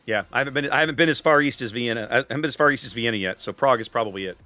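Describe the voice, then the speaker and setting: A male game live streamer chats casually with viewers while commentating on his own gameplay, thinking aloud with opinions. His mid-range voice races along with a sharp tone, there's no room sound, and faint game music plays behind him.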